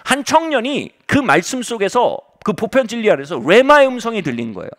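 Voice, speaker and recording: A man's voice: high-pitched, big pitch swings, brisk, fairly bright tone. A middle-aged male pastor preaching a revival sermon, telling a story with humor.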